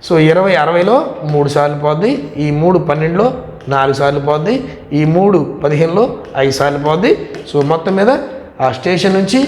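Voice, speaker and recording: A man's voice: on the high side, a little mellow. A man with a Telugu accent teaches maths in a mix of Telugu and English, posing questions and answering them himself. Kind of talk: classroom lesson working through problems. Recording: echoey hall-like room with long reverb.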